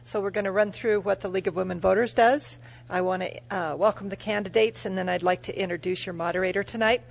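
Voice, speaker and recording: A woman, a longtime League member, giving opening remarks in an informal, slightly halting way. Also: mid-range voice, fairly even intonation, creaky. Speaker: League member introducing the forum.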